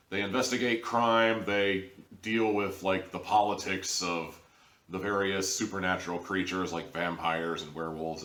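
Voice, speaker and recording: Recorded indoors in a small living room by a distant camera mic a few feet off, a young reviewer and show host rambles casually to camera. His deep voice has a fairly bright tone, and he adds some theatrical emphasis. The room echoes.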